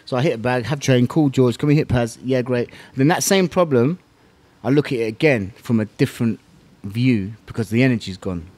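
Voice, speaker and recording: A former kickboxing champion from southern England speaks rapidly in a medium-pitched voice as an interview guest. It's a casual storytelling chat, and he's animated, slangy, and sweary, acting out remembered conversations.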